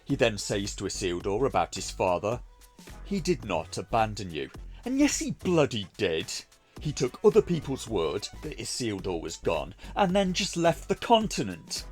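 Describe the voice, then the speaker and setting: A man's voice: on the low side, wildly swooping pitch, moderate pace, faint music behind. A man delivering a scripted review narration in a mocking, sarcastic manner. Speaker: video reviewer.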